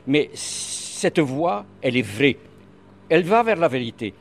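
A man's voice: on the high side, lively intonation, measured pace, slight background noise. An older man with a regional French accent, a radio columnist in an interview, hesitant with many fillers but earnest and emphatic.

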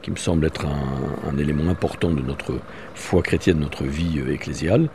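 A man, a bishop, answering in a radio interview in a measured, explanatory way with some fillers. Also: very deep voice, fairly even intonation, noisy background.

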